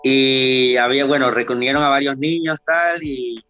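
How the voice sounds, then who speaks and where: A man's voice: mid-range voice, flat delivery, a little slow, sharp tone, clear, resonant tone, dull audio, faint music behind. A man in his thirties from Ecuador with an Ecuadorian accent, a dancer chatting as a podcast guest, rambling with many restarts. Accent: Ecuadorian Spanish. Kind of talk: casual podcast interview.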